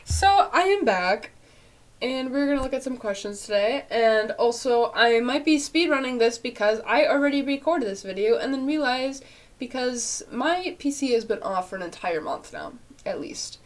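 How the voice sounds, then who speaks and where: In a slightly high, animated voice at a moderate pace, a young woman vlogs from her small bedroom, responding to viewer questions on webcam. Still nasal and congested from being sick, she rambles chattily, laughing and using fillers often.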